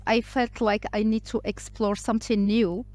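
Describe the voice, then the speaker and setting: Speaking English at a moderate pace, a Moroccan businesswoman talks casually as a podcast interviewee, often hesitating, restarting and using fillers. Her medium-pitched voice barely moves in pitch, is a little mellow, and has no echo.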